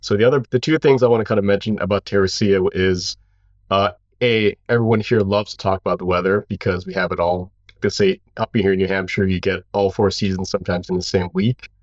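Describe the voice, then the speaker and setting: Low-voiced man telling his story. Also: a little fast, no echo, dull audio. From Hawaii. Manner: relaxed and rambling, with many "you know" fillers. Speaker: founder of a clothing brand, guest. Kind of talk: casual interview storytelling.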